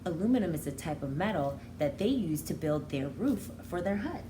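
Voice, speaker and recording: A woman in her thirties reads a picture book to young children as their teacher, adding explanations and reading with expression. Her voice is on the low side, with lively intonation at a moderate pace. The small indoor room lends a roomy echo, and faint background noise is present.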